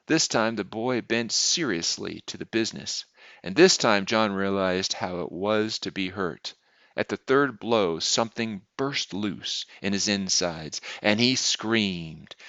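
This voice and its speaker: A man narrating a short story aloud in a steady, measured reading, in a dull lo-fi recording. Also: fairly low pitch, dry recording. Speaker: audiobook reader.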